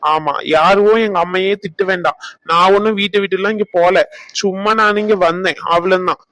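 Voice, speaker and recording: A man voicing Raghu, a caring young man in a cartoon, firm but gentle and reassuring. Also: high-pitched, steady tone, brisk, no echo. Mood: protective. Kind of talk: cartoon voice acting.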